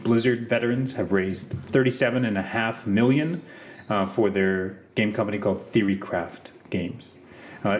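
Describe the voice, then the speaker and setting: A man co-hosting a show, explaining news updates and adding his own commentary. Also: on the low side. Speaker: podcast co-host reading news updates. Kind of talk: informal news rundown with commentary.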